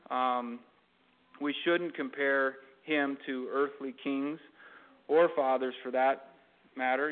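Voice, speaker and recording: Rambling male preacher on a tinny line. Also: mid-range voice. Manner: conversational, rambling with fillers and asides. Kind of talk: sermon. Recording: tinny phone-like lo-fi recording.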